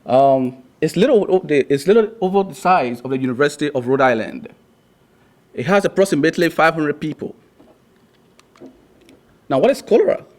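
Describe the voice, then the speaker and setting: A man's voice: a little high, animated, moderate pace, pauses often. A young man from Liberia giving a class presentation, earnest and restarting his sentences often. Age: young adult. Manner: earnest, with frequent restarts and fillers. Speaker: student presenter.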